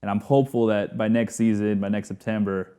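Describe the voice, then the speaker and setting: A young man from Houston talks as an interview guest, measured and a little hesitant. His voice is low, mellow and smooth. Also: flat delivery. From Houston, Texas. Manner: measured, hesitant, with restarts and fillers. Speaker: guest, sports team lawyer. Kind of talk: casual interview chat.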